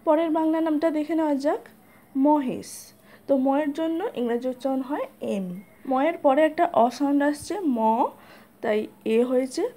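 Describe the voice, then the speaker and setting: High-pitched woman spelling names slowly. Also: warm tone. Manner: spells out letters one by one, slow and methodical. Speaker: teacher. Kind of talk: spelling lesson.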